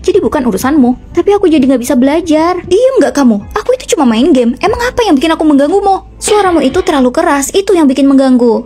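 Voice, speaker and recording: A young woman voicing bickering female college roommates in a dubbed short drama, with a quick, snappy, sassy delivery. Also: high voice, mellow. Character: bickering young women college dorm students.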